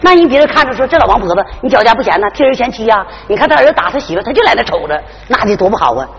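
A man playing a bossy, scheming old mother-in-law with a Northeastern Chinese accent in a folk stage comedy, shrill and nagging. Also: sing-song, rapid-fire, a bit bright, dull audio, slight background noise, full character voice. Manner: shrill, nagging, theatrical wailing. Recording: reverberant stage hall with music.

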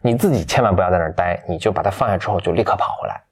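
A man's voice: sits low, rapid-fire, husky. A man voicing a wise, kindly old woman in a storybook retelling, reflective and slightly resigned.

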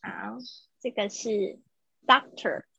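A woman's voice: medium pitch, slow pace, gravelly, bright, forceful tone, breathy edge, no room sound, muffled recording. A woman tutoring English vocabulary over a video call, patiently correcting pronunciation and encouraging her student. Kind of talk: live online vocabulary lesson.

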